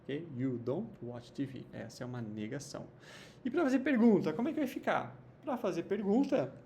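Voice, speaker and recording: Animated teacher explaining grammar. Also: male voice, on the high side, slight background noise. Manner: lively, slow drawn-out example sentences, frequent "tá?" and "né?" checks. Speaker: English teacher. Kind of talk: Portuguese-language English grammar lesson.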